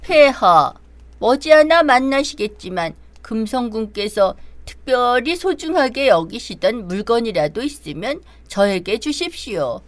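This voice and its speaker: Sun Wukong, animated cunning monkey hero. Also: female voice, on the high side, a little slow, dry recording. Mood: respectful, persuasive. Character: cunning, bold male monkey hero of legend. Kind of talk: audio drama acting.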